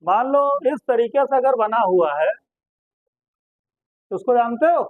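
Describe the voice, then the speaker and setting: A chemistry teacher lectures his students, posing questions he then answers himself and repeating every term. His voice is extremely high, expressive, and unhurried, coming through narrow, tinny audio.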